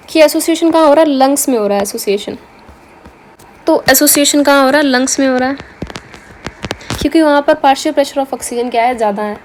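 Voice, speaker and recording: Woman biology teacher, high voice, terms, rhetorical questions, faint background hiss. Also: a little mellow. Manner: asks rhetorical questions and answers them herself. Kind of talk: explanatory lecture.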